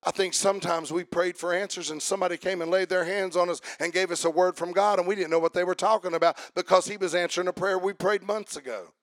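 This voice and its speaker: A man preaching a sermon to a congregation, asking them questions and rising into a chanted, shouted preaching cadence. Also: sits high, steady tone, quick pace, few pauses, no room sound, studio quality.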